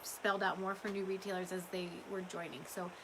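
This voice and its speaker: A small business owner hosts a live update, chatting casually and ramblingly to customers, her voice slightly strained from talking. She speaks fairly quickly in a fairly low pitch with flat delivery, on a rough recording with slight background noise.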